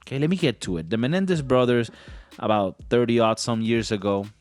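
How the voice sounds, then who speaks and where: A man's voice: medium pitch, animated, a little fast, a little mellow, dry recording. A man in his thirties hosting a comedy podcast, rambling playfully and hamming up his delivery. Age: 30s. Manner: playful, rambling, hams up voices. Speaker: podcast host. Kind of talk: joking comedy podcast chat.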